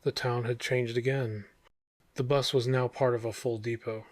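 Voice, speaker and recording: A man's voice: mid-range voice, little pitch movement, moderate pace, dry recording. A man narrating a scripted horror story in the manner of a vintage horror narrator, in short, suspenseful phrases.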